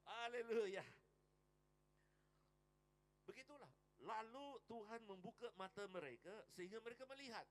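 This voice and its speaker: A man preaching a Sunday sermon in church, telling stories with sudden loud exclamations, quiet asides and frequent checks with the congregation. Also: high-pitched, lively intonation, brisk, hardly any pauses, rough recording. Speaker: pastor. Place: church during a Sunday service.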